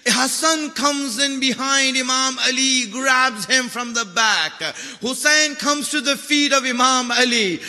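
Recorded with a long hall echo, a religious lecturer delivers a plaintive, impassioned mourning sermon in a dramatic storytelling style, repeating phrases for emphasis. His very high voice is bright and forceful, steady in tone and a little slow.

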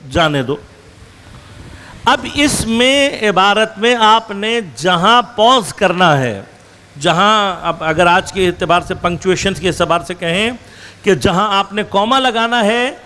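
A man's voice: sits high, bright, forceful tone. A man delivering a religious lecture to an audience, explaining with examples and asking rhetorical questions that he answers himself. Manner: explains with worked examples, shifting between slow stresses and quick runs. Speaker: religious scholar.

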